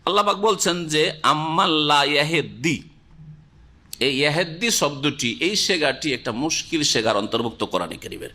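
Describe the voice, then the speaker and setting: Middle-aged male scholar, bright and slightly high, teaching through rhetorical questions. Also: lively intonation, normal speed. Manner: asks the audience questions and answers them himself. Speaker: Islamic scholar teaching Quran commentary. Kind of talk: Quranic grammar lesson.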